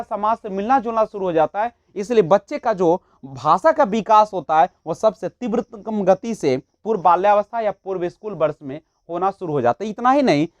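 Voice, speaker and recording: Asking and answering her own questions, a woman delivers a child-development lesson to prepare students for a teaching exam, speaking Hindi mixed with English terms. Her pitch is medium, and the recording is dry and muffled.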